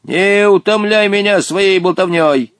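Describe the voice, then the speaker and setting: A man's voice: a little high, animated, unhurried, dry recording, voice pushed up. A man voicing a pompous, wrathful old male genie in an audiobook, speaking in archaic, threatening phrases. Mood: haughty. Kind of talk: audiobook character voice.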